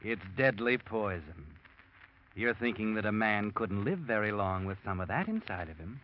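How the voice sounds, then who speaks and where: A man's voice: lowish voice, lively intonation, moderate pace, a little hiss or hum, lightly acted. An actor playing a mysterious male narrator who addresses a murderer in the second person, in a 1940s radio drama. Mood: sinister. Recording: dull old radio recording. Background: radio drama music.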